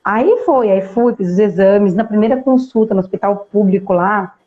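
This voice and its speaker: A Brazilian woman, an interview guest, telling a personal story in a casual, lively way and acting out bits of dialogue. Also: mid-range voice, normal speed, narrow, tinny audio.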